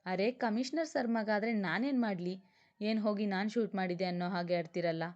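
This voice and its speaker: A woman's voice: medium pitch, moderate pace, darkish tone, close to an everyday voice. A woman reading the lines of a young male police officer, anguished and pleading, later blunt and defiant, on a dull lo-fi recording.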